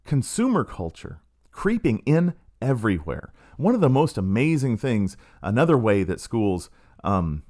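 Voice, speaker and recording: A middle-aged man with a fairly low voice that swings widely in pitch as he talks. He tells stories in a sardonic, self-aware way, like a podcast host riffing on his own cynicism. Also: darkish tone. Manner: sardonic, storytelling with acted quotes. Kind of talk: casual monologue.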